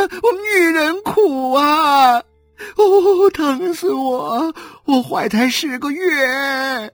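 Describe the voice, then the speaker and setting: A woman's voice: a little high, a bit bright, husky, no echo, pitched above the performer's own voice, heavily acted. A woman voicing a young wife in agonizing labor who sobs, wails and screams curses at her husband in an audiobook. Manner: wailing, sobbing, screaming curses.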